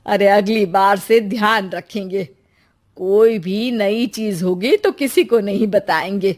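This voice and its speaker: A man's voice: high voice, slow pace. A man voicing a frustrated, hot-tempered young husband in a cartoon story. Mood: plain. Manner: blunt, irritable.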